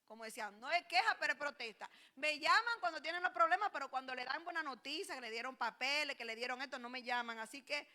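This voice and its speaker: A woman pastor delivers a sermon in a high, bright voice. Her preaching is animated, building to loud exclamations, and she quotes her congregants back to them in dialogue. Her tone stays sharp and clear throughout. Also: fast talker, hardly any pauses.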